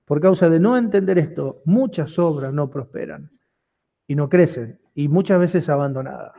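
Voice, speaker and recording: High-voiced preacher man. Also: animated, normal speed, creaky, warm tone, highs cut off. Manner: preaching with rising intensity and repeated rhetorical questions. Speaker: pastor. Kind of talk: sermon.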